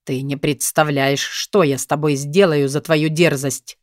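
A woman voicing a cold, domineering adult male teacher who speaks low, slow and menacing. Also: steady tone, no echo, clean studio sound.

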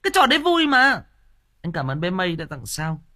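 A man's high, bright, pushed voice swoops wildly in pitch as he talks briskly on an audiobook livestream. Playful and joking with listeners, he rambles, stumbles over repeated fillers, and laughs at his own anecdotes.

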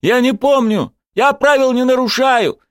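A man's voice: very high voice, measured pace, no echo, studio quality, voice pushed up. A man voicing an evasive, frightened young male driver in an audiobook. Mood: shouting. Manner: defensive, shouting back.

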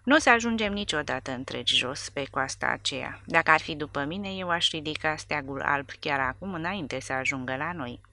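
A woman reading the part of a nervous, hoarse stretcher-bearer in an audiobook. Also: deep voice, animated, few pauses, bright, forceful tone, heavily acted. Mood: anxious. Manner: nervous, anxious.

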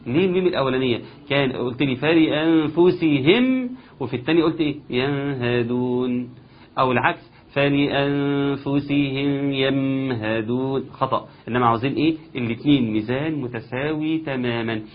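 A man with an Egyptian accent teaching Quran recitation, explaining each rule step by step and slowly chanting example verses. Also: medium pitch, breathy edge. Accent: Egyptian Arabic. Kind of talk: recitation lesson. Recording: dull lo-fi sound.

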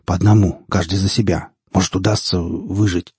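A man voicing a weary, cursing soldier sergeant who barks hoarse orders. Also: low voice, steady tone, normal speed, a little mellow, dry recording. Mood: grim.

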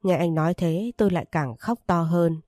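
A woman reading a first-person romance story aloud, voicing the dialogue in her own steady narrating voice. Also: fairly low pitch, normal speed, no echo, studio quality, soft background music.

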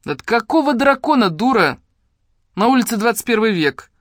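A reader voicing a rude, scolding old village woman who shouts coarse, bossy lines at a young woman. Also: mid-range voice, big pitch swings, moderate pace, no room sound, studio quality, voice pushed up.

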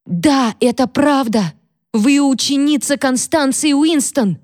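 A woman voicing a frightened young maidservant who pleads tearfully and breaks into shrill accusations. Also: slow, darkish tone, no room sound, clean studio sound. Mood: hysterical, accusing.

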